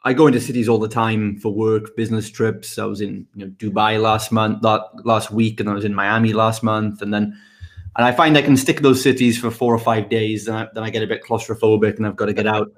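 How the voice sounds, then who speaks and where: A middle-aged man from the UK, talking in an upbeat, energetic way as a guest on a podcast interview. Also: fairly low pitch. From United Kingdom. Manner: energetic, upbeat, quick answers. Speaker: guest, fitness business mentor.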